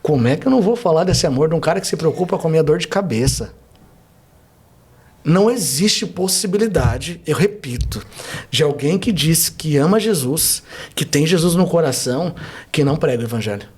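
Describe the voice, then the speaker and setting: A man speaks as a pastor on a podcast, his words tumbling out quickly in a fairly high voice. He preaches with fervor and builds his testimony into one rhetorical question after another. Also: expressive, darkish tone, husky. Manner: fervent, fast storytelling with rhetorical questions. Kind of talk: testimony and exhortation in a podcast interview.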